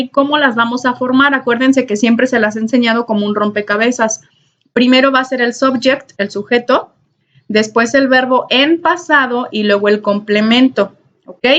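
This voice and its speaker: A woman with a slightly high, somewhat bright voice teaches an online English grammar class, patiently repeating herself and checking in often. It's a recorded online lesson, and the audio is dull and lo-fi.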